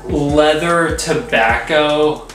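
A man's voice: fairly high pitch, very slow, a bit bright, soft background music. A man in his twenties chatting casually and emphatically in slangy bro talk as he co-hosts a review. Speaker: whiskey reviewer, co-host. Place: small room with home bar, indoors. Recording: roomy echo, slightly distant mic.

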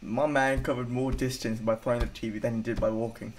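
A man's voice: medium pitch, little pitch movement, quick pace, a little hiss or hum. A young man giving casual, amused reaction commentary, breaking into stifled giggles as he talks. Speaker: reaction video host. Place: bedroom, indoors. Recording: music and clip audio behind.

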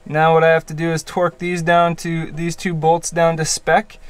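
High-voiced man explaining engine repair. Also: monotone, moderate pace, clean tone, poor audio. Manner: chatty, explanatory, self-deprecating. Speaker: sailor rebuilding a boat engine. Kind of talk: casual how-to narration. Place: cramped boat engine bay below deck.

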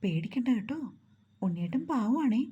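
A woman's voice: on the high side, expressive, normal speed, mellow, slightly rough, lo-fi sound. A woman voicing a grown man with a childlike mind who speaks in a coaxing, devoted way.

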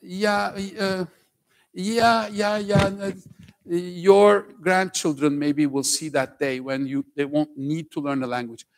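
Speaking slowly in a high, level voice, an older man from Turkey with a slight accent lectures students from a big auditorium stage. As a professor, he keeps the lively talk conversational, jokes with the audience, and often checks in with "okay?"

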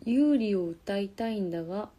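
A woman's voice: mid-range voice, expressive, normal speed, warm tone. A young woman in her apartment, chatting casually on a live stream between karaoke songs, reading viewer comments aloud and keeping her voice down for the neighbours. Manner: keeps her voice down so the neighbours do not complain. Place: her apartment, corner room.

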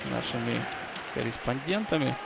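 A man commentating live on ice hockey, with excited goal calls. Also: mid-range voice, normal speed, gravelly, over loud music, over a noisy crowd. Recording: very noisy arena, loud background ambience.

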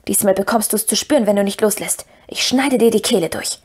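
A woman reading a firm, gentle hobbit. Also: mid-range voice, a little fast, husky, close to an everyday voice. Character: earnest, gentle but firm male hobbit. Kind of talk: audiobook reading.

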